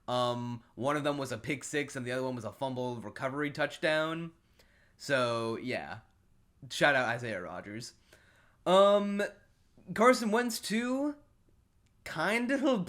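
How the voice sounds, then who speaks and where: A man's voice: mid-range voice, a bit bright. A man casually giving football predictions and betting picks, rambling with lots of fillers, swearing and chuckles. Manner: rambling, profane, frequent fillers and laughs. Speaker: sports betting predictions host. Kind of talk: casual solo commentary.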